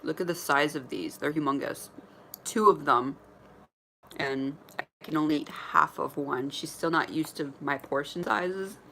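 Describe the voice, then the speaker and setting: A woman in her forties with a notably low voice, talking openly and casually to her followers on a livestream. She laughs easily and sometimes talks with her mouth full. A faint hum of room noise sits under her voice. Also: measured pace, vocal fry, bright, forceful tone. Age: 40s. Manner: candid and chatty, often laughing, sometimes talking while eating. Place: indoors in her mother's apartment.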